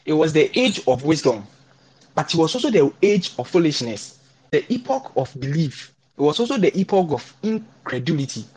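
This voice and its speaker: A young Ghanaian man with a Ghanaian English accent speaks as a scholarship guest speaker, giving motivational advice. He's animated, repeats his key points, and acts out the emails he sent. His slightly high voice has a breathy edge at normal speed, on a low-quality recording.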